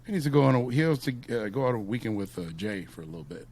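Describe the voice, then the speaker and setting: A man's voice: mid-range voice, expressive, quick pace, darkish tone. A man co-hosting a podcast in casual chat, joking animatedly and slipping into Spanish. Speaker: podcast co-host.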